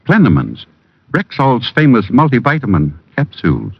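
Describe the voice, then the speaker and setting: A man's voice: mid-range voice, wildly swooping pitch, normal speed, vocal fry, husky. A man delivering a 1940s radio commercial as a reassuring, emphatic druggist. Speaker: advertising pitchman playing a druggist. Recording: muffled old radio recording.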